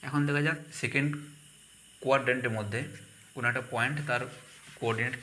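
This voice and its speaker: A man's voice: medium pitch, fairly even intonation, fast, sharp tone, a little hiss or hum. A man teaching a math lesson, asking questions and answering them himself.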